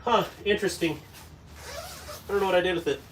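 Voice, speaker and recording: A man's voice: sits high, wildly swooping pitch, fairly quick, a little hiss or hum. A man hosting a casual livestream, rambling to his chat while sorting stickers and gear at a cluttered workspace. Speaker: livestream host. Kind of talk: casual live-stream chat.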